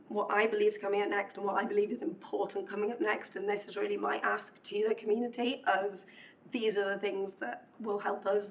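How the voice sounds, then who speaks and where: A woman's voice: mid-range voice, creaky. A woman giving a technical conference talk while losing her voice, chatty and self-deprecating, with many ums. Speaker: conference speaker. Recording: distant voice with faint hum.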